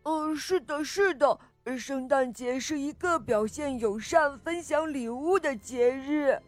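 A woman voicing a grateful, humble little diesel train engine that hesitates with soft "uh"s. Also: sits high, unhurried, no echo, soft background music. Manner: hesitant, starting lines with "uh".

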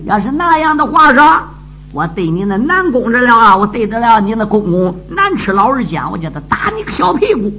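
A man's voice: very high-pitched, very animated, brisk, bright, forceful tone, exaggerated voice. A male storyteller voicing a teasing, eccentric old male monk in a mocking, playful manner. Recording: dull lo-fi with music.

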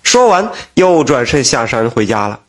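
A man narrating a folk tale in a lively, folksy manner. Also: medium pitch, moderate pace. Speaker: storyteller.

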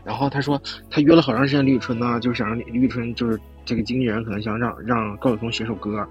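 A man's voice: mid-range voice, flat delivery, quick pace, highs cut off, soft background music. A man co-hosting a podcast, chatting casually and telling anecdotes. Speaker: podcast co-host.

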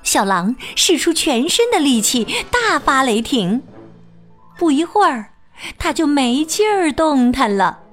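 A woman teacher reading a children's picture book aloud, expressive and sing-song with plenty of exclamations. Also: high-pitched, unhurried, faint music behind. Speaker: storyteller teacher.

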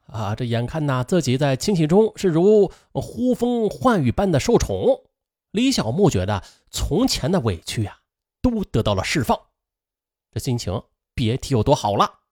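Lively-voiced male storyteller. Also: fairly high pitch, slightly rough, dry recording, studio quality. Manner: lively rise and fall, chatty asides. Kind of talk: dramatic true-crime storytelling.

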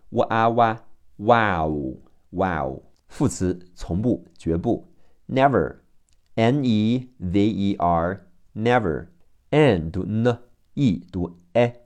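A man with a background teaches English phonics in a very slow, deliberate way. His voice sits a little low, and he spells words out letter by letter before repeating each one carefully. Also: a little mellow. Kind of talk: phonics vocabulary lesson.

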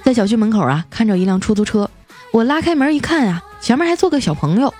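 Lively woman comic storyteller. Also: on the high side, fast talker, soft background music. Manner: playful, punchline-driven delivery. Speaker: comedy podcast host.

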